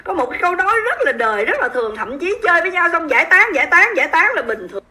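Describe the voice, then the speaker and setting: High, bright-voiced Southern Vietnamese woman ranting. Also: big pitch swings, rapid-fire. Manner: emphatic, indignant, mocking, speaks straight to viewers. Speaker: livestream host. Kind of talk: livestream commentary.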